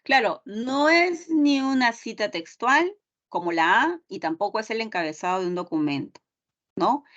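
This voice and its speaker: A woman's voice: on the high side, animated, moderate pace, a bit bright. A woman teacher giving an online class, explaining step by step and often checking in with the students. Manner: explanatory, with frequent checking tags like ¿ya? and ¿no?. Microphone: computer mic on a video call. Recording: dull lo-fi online call audio.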